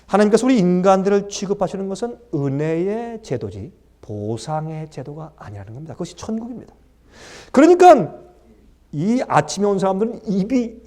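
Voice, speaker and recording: A male pastor giving a dramatic, animated sermon and talking directly to the congregation. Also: high-pitched, brisk.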